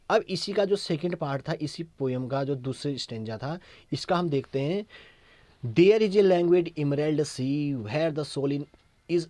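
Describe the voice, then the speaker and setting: A man teaching an English lesson in Hindi, mixing in English, with an Indian accent. He repeats key points, checks with the class through short questions, and reads English verse lines slowly. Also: a little high, a little mellow, no echo.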